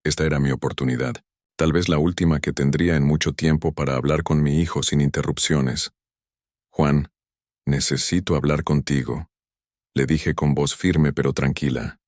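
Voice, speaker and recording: A man narrating a first-person story in a calm, measured, solemn way. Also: rumbling low, no echo, studio quality.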